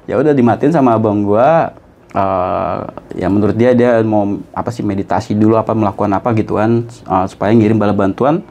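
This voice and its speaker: A man, a guest telling a story in casual chat; he is animated and often laughs. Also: brisk, gravelly. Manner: animated, jumps high in pitch for quoted voices, laughs often.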